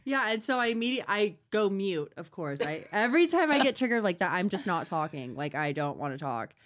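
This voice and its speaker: A woman's voice: medium pitch, fairly quick. Woman co-host telling a story. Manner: animated storytelling, acting out quotes, swearing freely. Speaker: podcast co-host. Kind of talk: casual chat.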